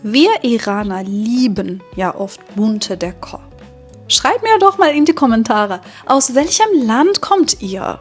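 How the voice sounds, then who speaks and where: A woman from Iran talks through her day as a German teacher making a vlog for learners. She speaks very slowly and deliberately, with a fairly high voice. Soft music plays faintly beneath her. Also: lively intonation, husky. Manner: slow and deliberate, with filler sounds. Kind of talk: slow, clear vlog narration for learners.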